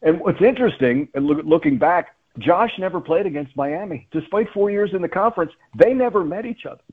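This sports radio play-by-play man analyzes the action emphatically, piling up repeated words and rhetorical questions. His high-pitched, expressive voice runs a little fast with a breathy edge, and the audio is a muffled, phone-like radio line.

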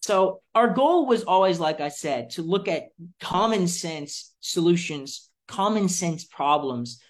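A young American man from Florida, a student policy advocate, answers interview questions with explanations. His voice sits high with lively intonation, and he speaks articulately and deliberately with emphatic phrasing.

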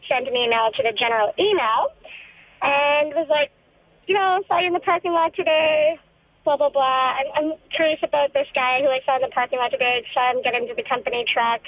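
A woman's voice: sits high, no echo. A woman caller telling a story sheepishly, her voice run through a chipmunk filter. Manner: sheepish, self-conscious storytelling. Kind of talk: casual chat. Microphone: phone. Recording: tinny phone line.

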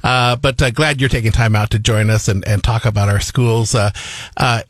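A man's voice: lowish voice, steady tone, normal speed, no echo, clean studio sound. A man hosting a radio talk show, interviewing a guest in a friendly, chatty way with frequent uhs. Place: radio studio.

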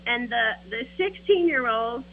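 A woman in her forties calling in by phone, telling her story in an animated way with quick asides, her phone line breaking up. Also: a little high, gravelly. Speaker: caller. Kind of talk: casual call-in chat. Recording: tinny phone line with faint noise.

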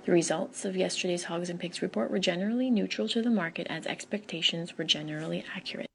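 Woman reading scripted market prices, kinda low with lots of vocal fry. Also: fast talker, a little hiss or hum. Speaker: pork price reporter.

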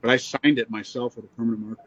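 A man's voice: medium pitch, fairly even intonation, rapid-fire, a bit bright. Man on glitching, cutting-out call audio. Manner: rambling anecdote with restarts. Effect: glitching audio that keeps cutting out. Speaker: podcast panelist. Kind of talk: casual sports chat. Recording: dull lo-fi remote call audio.

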